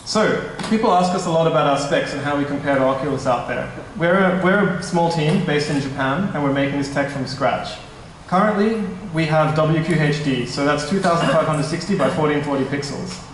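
Pitched on the high side, this young tech presenter rattles through his meetup talk fairly fast with barely any pauses. He sounds casual but slightly nervous and keeps correcting himself. A distant stand mic in the large indoor hall gives an echoey recording with slight background noise.

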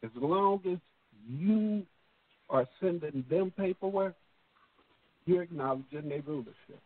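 A co-host on a casual talk show speaks bluntly and emphatically, swearing a lot. He has a high voice and a measured pace, with no room sound, heard over a tinny phone line.

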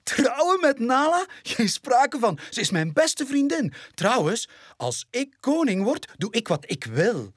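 A man putting on a bouncy little lion cub for a storybook, way up high and squeaky, flemish accent, all excited and eager. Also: measured pace, husky, no room sound, studio quality, full character voice. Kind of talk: storybook read-aloud.

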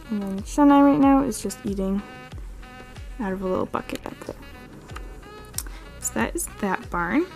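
Hosting a model horse channel, a chatty woman with a middling pitch gives a casual tour, packing her talk with "like" and "um." She films up close on a handheld camera inside a carpeted room, with soft music playing faintly underneath.

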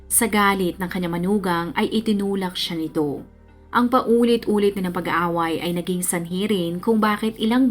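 Low-voiced woman narrating true crime. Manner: steady, measured storytelling. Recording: faint background music.

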